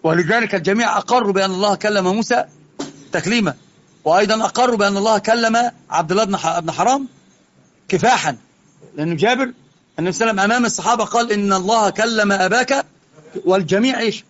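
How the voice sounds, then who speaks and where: A man with an Egyptian Arabic accent giving a religious lesson, moving between calm explanation and heated rebuke. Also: high voice, racing, dull audio. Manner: impassioned, swings from quiet explaining to heated rebuke. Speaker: religious teacher.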